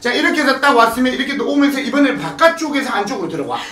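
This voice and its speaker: A man streaming from a room at home, teaching a dance and counting beats out loud in casual chat. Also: very high voice, sing-song, rapid-fire. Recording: echoey room, voice from far off mic.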